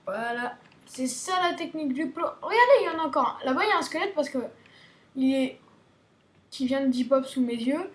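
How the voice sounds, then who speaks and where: A woman's voice: sits high, lively intonation, brisk. A woman hosting a casual game tutorial, chatty and playful, stumbling over restarts as she talks to her viewers. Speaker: gaming video host. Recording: roomy echo, faint background hiss.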